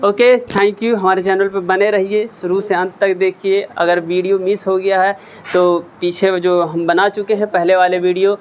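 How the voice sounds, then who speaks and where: A man's voice: sits high, flat delivery, moderate pace, slight background noise. A man teaching English at a whiteboard, repeating each word and asking then answering his own questions. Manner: patient, encouraging learners. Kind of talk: whiteboard lesson explanation.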